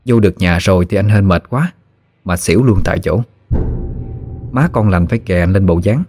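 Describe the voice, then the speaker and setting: A man with a Southern Vietnamese accent narrating a scripted horror story in a steady, measured way. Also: deep voice, no echo.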